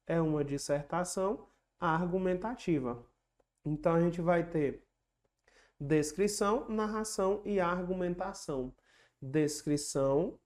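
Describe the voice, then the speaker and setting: Patient teacher repeating grammar rules. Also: mid-range voice. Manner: chants rhyming memory tricks. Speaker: exam prep teacher. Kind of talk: online exam-prep lesson.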